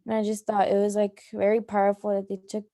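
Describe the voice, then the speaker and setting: Mellow-voiced woman explaining her choice. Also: medium pitch, monotone, quick pace. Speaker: participant. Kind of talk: casual group discussion.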